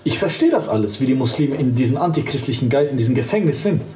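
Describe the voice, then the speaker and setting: A man's voice: mid-range voice, expressive, fast. Fervent male preacher, roomy and distant. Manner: fervent, emphatic, addresses the listener directly. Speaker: evangelist. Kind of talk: street-style preaching to camera.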